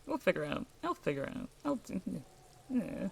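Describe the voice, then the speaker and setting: A young British woman streaming a game, chatting casually and reading out her character's lines, with plenty of pauses and fillers. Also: mid-range voice, sing-song, vocal fry, slightly rough. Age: young adult. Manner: chatty, reads player lines aloud, hesitant with fillers.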